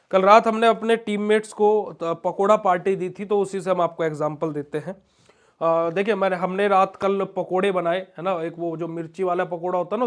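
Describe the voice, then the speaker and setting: Young male lecturer, high voice, coaxing question-and-answer teaching style. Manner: asks questions and answers them himself, calls students "beta ji". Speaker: pharmacy lecturer. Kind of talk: classroom lecture.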